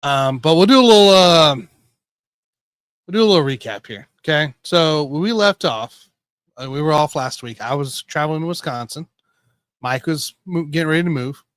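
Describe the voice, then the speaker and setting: A man hosting a casual sports betting show, rambling and correcting himself as he tells excitable stories. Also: fairly high pitch, normal speed, clean tone, dry recording. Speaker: podcast host.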